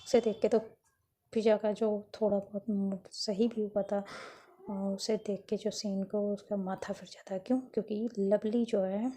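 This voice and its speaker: A woman's voice: mid-range voice, level tone, moderate pace, mellow. A woman telling a school romance story in a casual spoken way, retelling each character's lines with "so she says" and frequent restarts.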